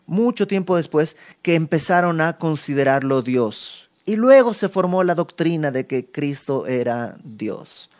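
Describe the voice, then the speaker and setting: A man teaching a verse-by-verse Bible study, speaking emphatically and moving between raised and hushed passages, with conversational asides. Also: a little high. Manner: conversational asides and tag questions.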